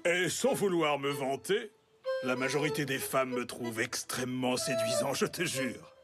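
A man's voice: mid-range voice, moderate pace, music in the background, natural voice. An actor playing a proud, vain, lovesick strongman in an anime dub, with pompous, mannered politeness.

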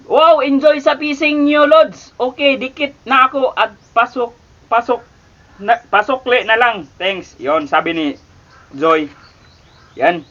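Male vlogger, very high and bright voice, cheery shoutouts, fumbles names. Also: takes it slowly, muffled recording. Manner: stumbles over names, keeps saying "mga idol". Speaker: vlogger reading viewer shoutouts. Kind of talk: casual shoutout vlog.

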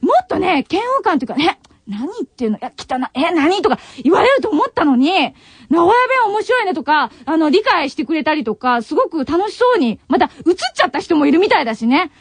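On a muffled old cassette tape, a young late-night radio host speaks Nagoya dialect from the Tokai region, reading listener letters at a studio mic. Her voice is extremely high, very animated and brisk, in a dry recording. Worn from crying, she bids an emotional farewell, choking up with tears between laughs.

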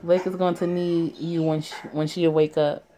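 A woman voicing a guilt-ridden young woman who apologizes and pleads for calm. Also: on the low side, moderate pace, a little hiss or hum, lightly acted, low-quality recording. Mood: pleading.

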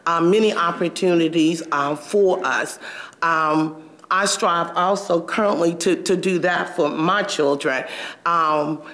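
A man's voice: high voice, a bit bright. A man on a school board speaking as a panelist, hesitant with frequent fillers, in a conference room. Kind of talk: panel discussion.

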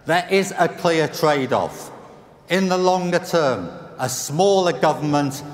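This middle-aged man from the UK, an economist, gives a forceful keynote at a conference, leaning on rhetorical questions and punchlines he repeats. He talks slowly in a fairly high voice, wearing a headset mic on a big stage, with the hall's reverb audible throughout.

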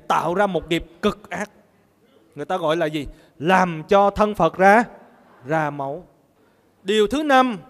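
Male Buddhist preacher, fairly high voice, call-and-response sermon, reverberant hall. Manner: asks the audience questions and answers them himself.

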